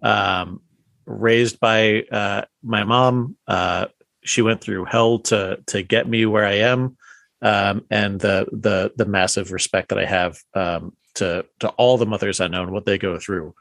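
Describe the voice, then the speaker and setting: A man on a podcast, talking casually with many hesitations and clear enthusiasm. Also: lowish voice, steady tone, measured pace, a bit bright, no room sound. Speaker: podcast co-host. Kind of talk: casual chat.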